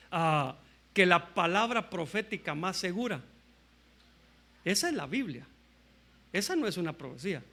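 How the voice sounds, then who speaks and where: Male pastor, high bright voice, animated sermon storyteller who acts out the characters. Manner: animated storytelling, acts out the kings' and prophet's lines; addresses listeners as "hermano".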